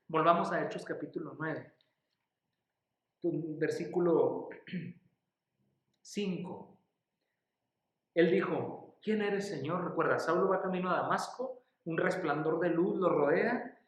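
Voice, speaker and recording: A man preaching a sermon in Mexican Spanish, earnest and pleading, often calling listeners dear and brother. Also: on the high side. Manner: earnest, pleading, repeats key phrases; calls listeners "querido" and "hermano". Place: church. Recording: echoey church room.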